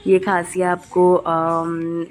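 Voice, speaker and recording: A woman's voice: on the low side, completely flat delivery, extremely slow, a little hiss or hum. Chatty woman vlogger with a cold. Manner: chatty, many hesitation fillers. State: coughing, has a cold. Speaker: family vlogger. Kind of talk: casual vlog narration.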